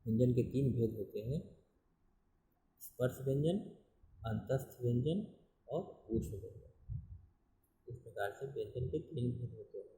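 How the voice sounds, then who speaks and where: A male school Hindi teacher giving a classroom grammar lesson, explaining slowly and repeating definitions with checking fillers. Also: mid-range voice, warm tone, roomy sound, low-quality recording.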